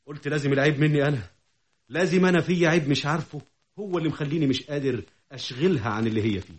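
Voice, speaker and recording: An actor with an Egyptian accent playing an anxious, jealous young doctor in a vintage radio drama, fretful and sometimes shrill. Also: male voice, racing, natural voice. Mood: gloomy. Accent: Egyptian Arabic. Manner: fretful, turns bitter and shrill.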